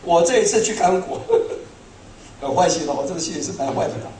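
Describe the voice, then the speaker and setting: Animated man preaching in an echoey hall. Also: fairly high pitch, brisk. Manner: storytelling, self-mocking, animated. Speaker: pastor. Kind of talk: sermon. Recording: echoey hall, speaker far from mic.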